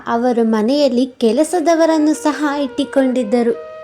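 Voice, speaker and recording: High-voiced woman narrating a story. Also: mellow, soft background music. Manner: measured, storytelling.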